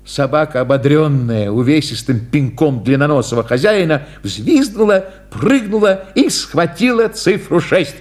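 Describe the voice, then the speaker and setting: Slow, animated male story reader. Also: fairly high pitch. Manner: unhurried, lively reading with acted dialogue. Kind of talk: storytelling, reading a classic tale aloud.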